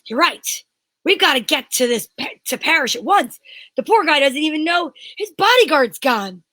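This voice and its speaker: A woman plays a flustered, excitable police inspector in an old-time radio detective drama, her voice extremely high and sharp. The recording is dry with no echo, and she delivers the full character voice at a moderate pace with urgent, melodramatic agitation.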